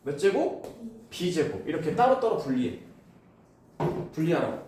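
Echoey high-voiced male math teacher. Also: very animated, darkish tone, a little hiss or hum. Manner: explains step by step, asks students many quick questions. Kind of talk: classroom math lesson. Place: classroom. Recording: echoey room, voice from far off.

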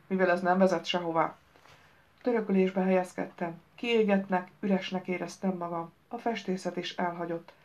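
Woman audiobook narrator, wry and brisk, middle pitch, slightly dull lo-fi sound. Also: darkish tone. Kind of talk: first-person novel reading.

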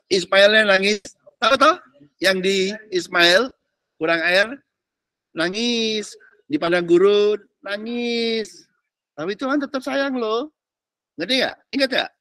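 A man's voice: sits high, slow, no room sound. A middle-aged man, a pastor teaching a discipleship class in a casual sermon, dropping English words into his talk. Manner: animated, mixes in English words and slang.

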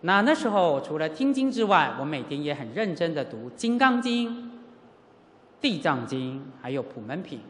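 A middle-aged Buddhist teacher from Taiwan gives an animated storytelling sermon as a sutra lecture, with lively pitch at a moderate pace. Speaking in a lecture hall at a Buddhist centre with long reverb, the teacher acts out dialogue and poses rhetorical questions to the audience.

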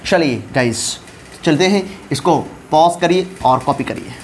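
A man's voice: on the high side, a little slow, a little hiss or hum. Emphatic man teaching grammar, repeating terms. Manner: emphatic, repeats key terms, drills students. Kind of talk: classroom lecture mixing Hindi and English.

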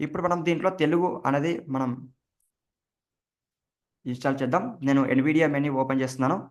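A man walks viewers through a software setup, talking quickly. He names every key he presses as he goes. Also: on the high side. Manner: explains each keystroke as he goes. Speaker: tech tutorial host. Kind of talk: step-by-step screen recording tutorial.

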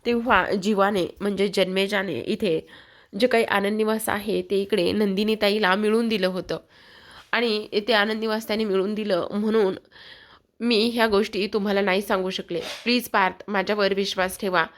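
A woman retelling a TV serial episode for her viewers, in a steady storytelling manner with many fillers. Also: medium pitch, normal speed. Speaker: serial recap narrator.

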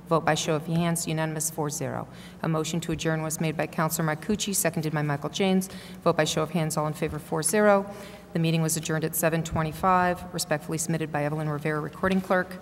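A woman in her forties, a town councilor reading meeting minutes aloud at a desk microphone. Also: low voice. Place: large indoor council chamber. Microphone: gooseneck desk microphone. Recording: echoey council chamber with noise.

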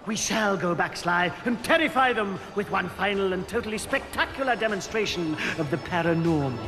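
A man's voice: high voice, expressive, a little fast. A theatrical cartoon schemer with a grand, sneering manner. His voice swoops widely. Music plays behind him. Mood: scheming. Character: scheming villain craving a crystal, theatrical.

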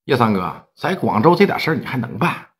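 A man with a Northeastern Chinese accent voicing a tough, smooth-talking gang leader who speaks firmly and persuasively. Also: medium pitch, big pitch swings, fairly quick, pitched below the performer's own voice, close to an everyday voice. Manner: firm, persuasive.

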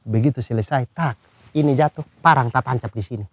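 A man's voice: medium pitch, a little fast, slightly rough, no room sound. A man telling a childhood story in casual chat with friends, acting out the scene as he goes. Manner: animated storyteller, acts out scenes with gestures.

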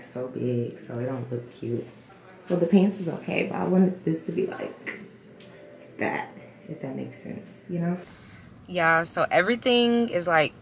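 A vlogger in her twenties with an American accent chats casually, using plenty of slang, into a handheld camera held at arm's length. Her voice is low with a fairly bright tone, and the handheld recording is noisy.

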